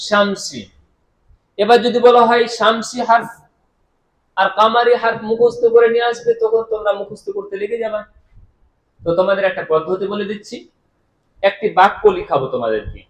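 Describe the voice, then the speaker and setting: High-voiced male teacher, echoey classroom. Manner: repeats key terms and quizzes the class with questions he then answers; drawn-out, deliberate pronunciation of example words. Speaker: Arabic grammar teacher. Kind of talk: classroom lecture. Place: madrasah classroom. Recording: echoey room.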